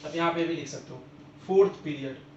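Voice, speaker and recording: A man's voice: on the high side, a little fast, slight background noise. Man, chemistry teacher, classroom lecture, repeats questions to students, dull lo-fi sound. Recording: roomy, dull lo-fi classroom recording.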